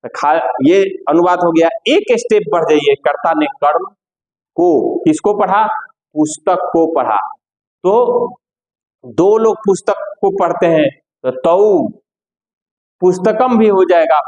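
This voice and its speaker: A man teaching a classroom lesson, slow and patient, repeating each step for his students. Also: sits high, a little mellow, low-quality recording.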